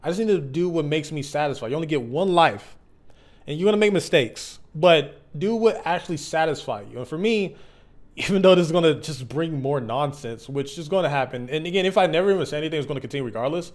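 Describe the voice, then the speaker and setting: A man in his mid twenties talking candidly and off the cuff as a video creator, earnest and reflective, halting and conversational with slang. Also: fairly high pitch, lively intonation. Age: mid 20s. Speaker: YouTube content creator. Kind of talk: candid, unscripted personal vlog.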